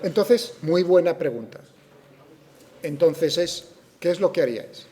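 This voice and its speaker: A man with a Spain Spanish accent lectures a physics class in a slightly high, mellow voice. He raises the objections students might have, answers them, and keeps asking whether everyone follows. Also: animated, measured pace. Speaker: physics teacher.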